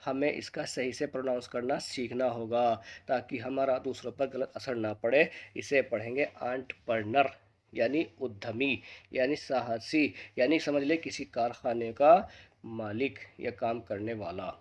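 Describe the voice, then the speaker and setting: Male tutor, middle pitch, explains step by step and drags out each right answer. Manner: slows and drops low on each correct word. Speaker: English pronunciation teacher. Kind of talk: scripted lesson with quiz questions to viewers.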